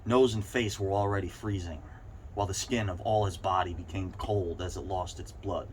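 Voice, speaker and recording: A man's voice: deep voice, fairly even intonation, moderate pace. A man reading a short story aloud, stumbling slightly over words now and then. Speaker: reader. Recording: clearly noisy background ambience.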